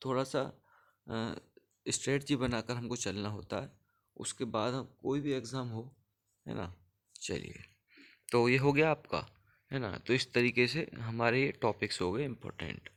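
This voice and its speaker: A man's voice: mid-range voice, measured pace. A young man coaching students for a clerical exam in a casual, conversational teaching style, often checking that they follow along. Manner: conversational, keeps asking for agreement. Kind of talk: casual Hindi tutoring talk.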